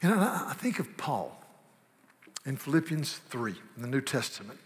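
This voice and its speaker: A man preaching a sermon, animated, swinging from loud bursts to hushed asides. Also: medium pitch, normal speed. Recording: long reverb of a large hall.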